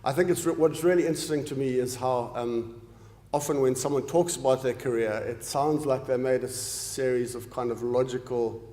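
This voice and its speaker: A man's voice: medium pitch, a little mellow. A man in his late forties, from Zimbabwe, giving an earnest formal academic lecture, with frequent ums and restarts. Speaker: professor giving an inaugural lecture. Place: large lecture hall. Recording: echoey hall with long reverb.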